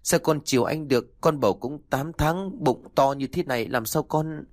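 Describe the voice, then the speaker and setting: A man's voice: a little high, moderate pace, no echo, studio quality, pitched above the performer's own voice, close to an everyday voice. A man voicing a suffering young pregnant wife in an audio story, with a plaintive, pleading manner.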